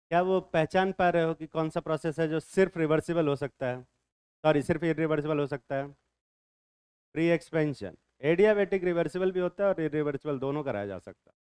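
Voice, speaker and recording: A man's voice: a little high, darkish tone, clean tone, no room sound. A male chemistry teacher, lecturing a class in a bantering way, quizzing students and answering his own questions.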